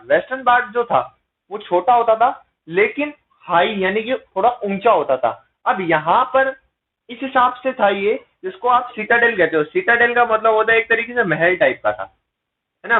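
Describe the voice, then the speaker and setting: A man teaching an exam-prep lecture, asking rhetorical questions and checking in with his listeners. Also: high voice. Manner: explains with repeated rhetorical questions and "है ना" tag checks; mixes English terms into explanations. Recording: tinny phone-like sound.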